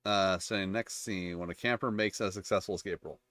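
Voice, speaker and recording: A man with a low voice works through a page of game rules, reading each one out and then wandering into loose, talky asides full of restarts. His voice sits dry and close, with no room sound around it. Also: steady tone, moderate pace, a bit bright, no echo. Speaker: channel host reviewing tabletop games. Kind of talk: casual commentary reading rules aloud.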